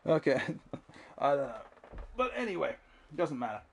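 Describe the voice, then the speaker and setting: A man's voice: fairly high pitch, sing-song, normal speed, gravelly, husky. A man streaming a video game, chatting casually, swearing a lot and laughing often. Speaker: livestreamer. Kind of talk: casual gameplay commentary. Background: game audio.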